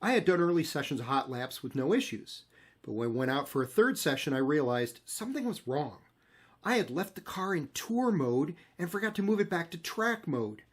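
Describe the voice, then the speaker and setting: A man with an American accent explaining and narrating as the host of a car video. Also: a little high. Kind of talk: explanatory tutorial and storytelling narration.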